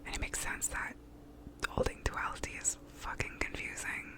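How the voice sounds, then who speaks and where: A woman's voice: normal speed, rough recording. Woman giving a whispered pep talk. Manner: whispering throughout, close up; reassuring, validating. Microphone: close to the mouth.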